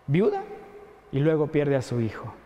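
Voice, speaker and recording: A man with an Ecuadorian Spanish accent preaching a sermon as pastor, earnestly asking rhetorical questions and dropping his voice low on key points. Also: huge pitch swings, normal speed, mellow, muffled recording. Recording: long hall reverb.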